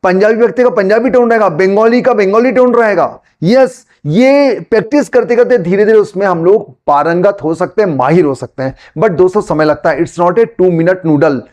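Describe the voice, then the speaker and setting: Gujarati accent guy teaching english, pretty high voice, chatty, repeats examples slow. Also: darkish tone. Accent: Gujarati-accented Hindi. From Gujarat, India. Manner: conversational, repeats examples slowly and explains them. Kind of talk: spoken English lesson.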